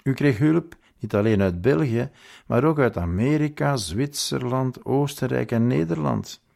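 A man's voice: mid-range voice, expressive, unhurried, gravelly, darkish tone. A man voicing a stern, bullying army major who barks his accusations in an audiobook. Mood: accusing. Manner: barking, accusing interrogation.

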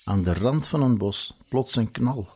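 A man reading a story aloud in a measured, scripted narration. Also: medium pitch, expressive, warm tone, slight background noise.

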